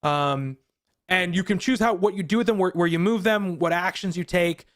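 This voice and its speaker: A man's voice: sits high, moderate pace. A man co-hosting a games podcast, talking in a casual, rambling way with lots of ums and restarts. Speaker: podcast co-host. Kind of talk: casual chat.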